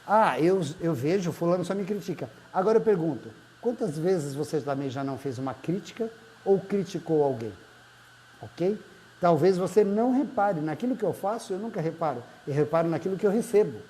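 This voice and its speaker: A man's voice: fairly high pitch, expressive, fairly quick, mellow, rough recording. A man, a therapist giving a conversational talk and checking in with listeners by name. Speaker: therapist and speaker. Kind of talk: live-streamed talk greeting viewers.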